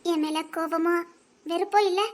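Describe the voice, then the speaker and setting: A woman's voice: extremely high pitch, steady tone, moderate pace. An actress playing a remorseful young wife and college student, speaking tearfully with her voice breaking into shaky laughs. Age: young adult. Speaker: young wife in a drama series. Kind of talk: emotional drama acting.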